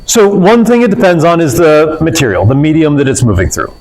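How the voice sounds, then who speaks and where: In a classroom, a physics instructor explains things casually, with fillers and the occasional self-correction. His slightly high, slightly mellow voice has lively intonation and a brisk pace, captured on a rough recording.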